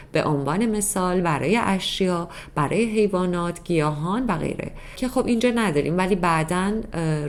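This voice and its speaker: A woman teaching a beginner English grammar lesson in Persian, patiently explaining step by step and repeating examples. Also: medium pitch. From Iran.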